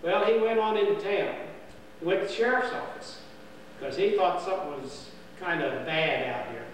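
An older man tells a folksy camp history in a rambling, homespun voice, pitched fairly high for a man and full of fillers and restarts. He is heard from a distance across a dining hall, wrapped in long, roomy reverb with a faint hum under it. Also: moderate pace. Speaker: camp storyteller. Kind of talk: folksy spoken history tale. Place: indoor dining hall by a stone fireplace. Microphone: far camera.

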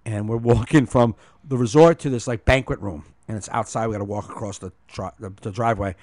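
A man's voice: lowish voice, steady tone, brisk, a little mellow, no room sound, studio quality. A man with a New Jersey accent, telling casual comic stories as a podcast host, teasing in a mock-exasperated way. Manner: mimics and teases his friend, exasperated comic delivery. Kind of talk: comic storytelling, casual chat.

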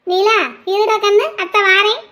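A woman voicing an older village aunt in a cartoon, with a slow, coaxing, motherly way of talking. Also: very high-pitched, fairly even intonation, pushed and bright, pitched below the performer's own voice. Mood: soothing. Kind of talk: cartoon voice acting.

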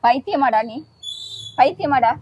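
A woman's voice: high voice, lively intonation, unhurried, breathy edge, muffled recording. A woman on the street sharply scolding and brushing off a man who keeps pestering her. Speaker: prank target. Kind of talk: angry street argument. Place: outdoors on a street.

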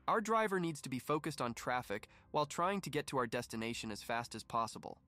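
A man narrating a documentary voice-over in a calm, even, explanatory way. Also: mid-range voice, fairly quick, over music.

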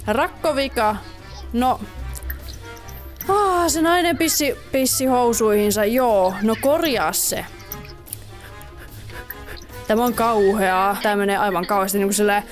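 A woman's voice: mid-range voice, pauses often. A young woman giving playful, chatty commentary while playing a life-sim game, tossing in English phrases. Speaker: gaming YouTuber. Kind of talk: casual let's-play commentary. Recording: faint music behind.

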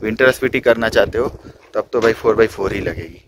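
A man's voice: lowish voice, brisk. A young man chatting casually to camera on a travel vlog, teasing his friends and mixing in English words, filmed at arm's length outdoors on a mountain road. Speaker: travel vlogger. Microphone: handheld camera at arm's length.

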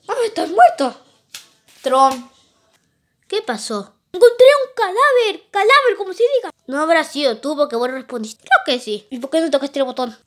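A woman doing playful plush-toy role-play of a video game, jumping quickly between excited, squealing character voices. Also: a little high, breathy edge.

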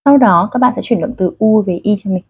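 A woman's voice: mid-range voice, fairly quick, husky, narrow, tinny audio. A woman with a Vietnamese accent teaching English pronunciation online, coaching learners step by step. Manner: friendly coaching, directly addressing learners.

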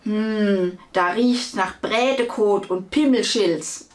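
Woman doing a croaky, giggly ink monster. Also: mid-range voice, slow pace, lightly acted. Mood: gleeful. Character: cheeky male ink monster, gleeful and grubby.

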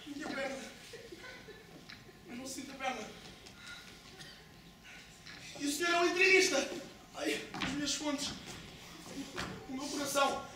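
A nervous hypochondriac young landowner, played by a woman with a European Portuguese accent, quarrelsome and quick to complain in a stage play. The voice sits high and comes from across a very echoey hall. A steady hiss of noise sits behind it. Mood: ailing. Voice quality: agitated, quarrelsome, complaining of palpitations. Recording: echoey hall from far off, noisy.

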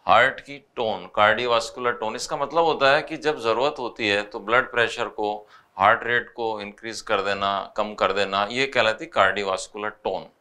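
Bright, clear Indian male teacher. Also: on the low side, steady tone. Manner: mixes Hindi with English, reads questions slowly. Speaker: biology teacher. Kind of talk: explaining test solutions.

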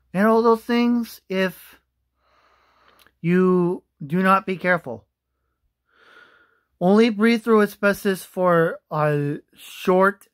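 A young man giving a casual, halting explainer to camera, often repeating himself, on a phone held at arm's length indoors. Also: sits high. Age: young adult. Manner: halting, repetitive. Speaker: vlogger. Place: small room indoors.

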